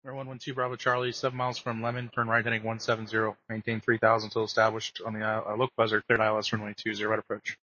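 A man working as an air traffic controller, giving brisk, procedural instructions over the radio. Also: on the low side, completely flat delivery, bright, forceful tone. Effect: radio transmission. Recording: muffled lo-fi radio audio.

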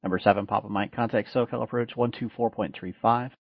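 A man working as an air traffic controller, reading out clearances in brisk, clipped phrasing over an aviation radio transmission. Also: on the low side, steady tone, no room sound. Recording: muffled dry radio audio.

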